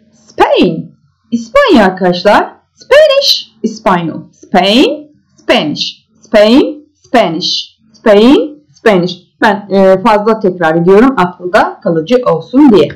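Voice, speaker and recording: Sing-song woman teaching children English. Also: rough recording. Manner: slow repetitive drilling of words; sing-song pitch jumps on English words. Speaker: primary school English teacher.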